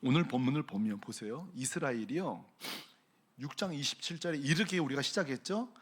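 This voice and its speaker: Male pastor, preaching; animated delivery, lively pitch, asks the congregation questions. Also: fairly quick, husky. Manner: animated preaching, swings from hushed to loud exclaiming. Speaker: senior pastor. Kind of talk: sermon.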